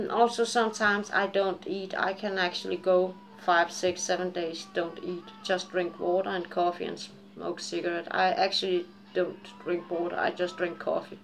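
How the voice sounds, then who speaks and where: The recording is rough, with soft music in the background, as a woman in her forties talks to her webcam from a dim living room at home. Her lowish, gravelly voice is flat and moves at normal speed with hardly any pauses. A vlogger from Japan and Denmark with a Japanese-Danish accent, she rambles candidly, laughing often and cursing freely.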